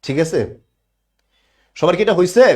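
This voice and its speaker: A young male teacher runs a live online grammar lesson. His voice sits high and swings widely as he explains. He keeps asking the class to say the answer back to him. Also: expressive, normal speed, darkish tone.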